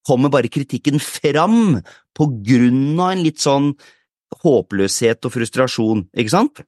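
A man's voice: medium pitch, animated, darkish tone, dry recording, studio quality. A man co-hosting a podcast, explaining ideas through a stream of rhetorical questions in casual chat. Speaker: podcast co-host.

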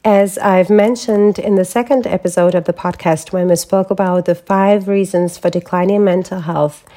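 A woman hosting her own wellness podcast, talking alone from a script. Her voice is mellow and soft-toned, at a middle pitch. She keeps a calm, measured, reflective pace throughout. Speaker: podcast host and holistic health coach. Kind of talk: scripted solo podcast talk.

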